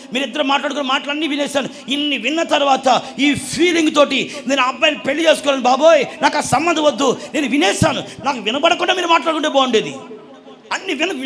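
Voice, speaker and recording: A distressed young woman, put on by a male preacher, pleads loudly in a raised, strained voice. She talks fast and urgently, pitched well above his usual speech. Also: vocal fry, heavily acted. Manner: high, loud, pleading. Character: distressed young woman refusing her marriage.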